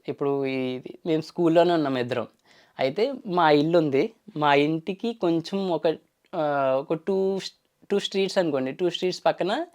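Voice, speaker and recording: A young man casually telling a personal story from his childhood, rambling along with frequent restarts and fillers. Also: fairly high pitch. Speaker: YouTuber.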